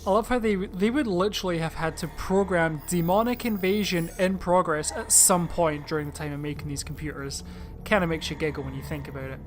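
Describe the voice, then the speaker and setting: A man's voice: fairly high pitch, fairly quick. A man hosting a gaming video with casual, rambling commentary and chatty asides as he plays. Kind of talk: casual let's play commentary. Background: game music.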